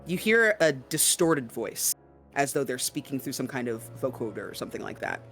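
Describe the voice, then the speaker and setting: A man working as a game master, improvising scene narration and often pausing to search for words. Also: medium pitch, sing-song, gravelly, fairly bright tone, faint music behind.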